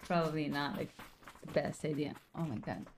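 A woman streaming a game from home, chatting casually with viewers through a headset in a relaxed, chatty way and laughing often. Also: sits low, normal speed, slight background noise. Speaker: gaming streamer. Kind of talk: casual chat to viewers while gaming.

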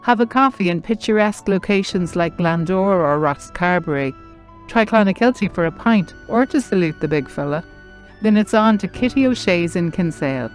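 A woman with an Irish accent presenting a travel programme in scripted narration. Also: lowish voice. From southern Ireland. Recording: light music behind the narration.

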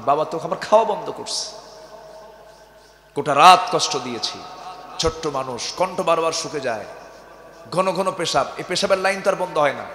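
A man preaching a waz sermon to a crowd. He keeps firing rhetorical questions at the audience and swings from hushed lines to shouts. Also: on the high side. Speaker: Islamic preacher. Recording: echoey hall with long reverb.

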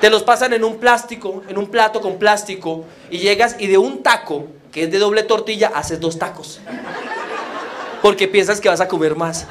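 A Colombian man with a Colombian accent performing animated live stand-up comedy in a club, acting out other people's voices. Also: high voice, moderate pace, slight background noise.

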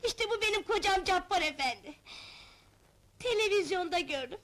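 An actress playing a stubborn, hot-tempered middle-aged wife who scolds, shouts insults and cackles. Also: female voice, extremely high pitch, expressive, moderate pace. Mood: pleading.

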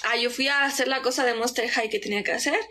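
Young woman, faint Chilean accent, casual makeup-vlog storyteller, slightly high voice, easily distracted. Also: steady tone, quick pace, bright, forceful tone. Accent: Chilean Spanish, softened by Mexican. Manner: chatty, easily distracted, rambling with many fillers; drops into whispers now and then. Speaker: content creator. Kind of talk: casual story time while doing makeup.

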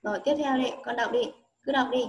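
A woman tutoring a child in English, speaking with a Vietnamese accent, coaxing patiently and repeating words slowly. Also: a little high, slight background noise, poor audio. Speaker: English teacher. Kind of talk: one-on-one reading lesson.

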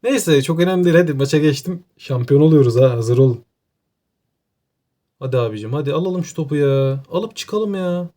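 A man with an Aegean Turkish accent giving casual, joking gameplay commentary, excitable and talking to himself. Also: medium pitch, brisk. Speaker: gaming YouTuber.

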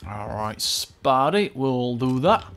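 A young man giving let's-play commentary, excitable, with loud yelps and exclamations. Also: medium pitch, takes it slowly, slight background noise. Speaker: gaming channel host.

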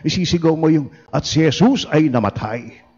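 A man's voice: fairly high pitch, animated, normal speed, darkish tone, breathy edge, pitched above the performer's own voice. A man voicing a middle-aged parish priest who gives emphatic instructions. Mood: instructing. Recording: dull reverberant church livestream.

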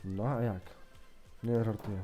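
A man's voice: on the low side, fairly even intonation, a little slow, dark tone, soft background music. A man chatting casually while gaming, teasing and pranking another player as a YouTuber. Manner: teasing, joking, playfully mocking.

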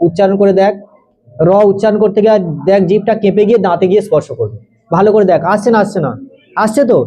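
Male tutor, high and soft-toned, patient explainer who dictates definitions slowly. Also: poor audio. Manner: explains step by step, repeats key terms and checks students' understanding. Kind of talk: Bengali grammar lesson for students.

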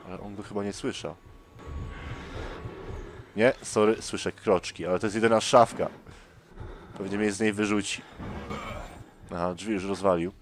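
Low-voiced man muttering through a horror game. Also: fairly even intonation, moderate pace, pauses often, noisy background. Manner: tense, muttering, jumpy. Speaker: let's play gamer. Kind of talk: let's play commentary.

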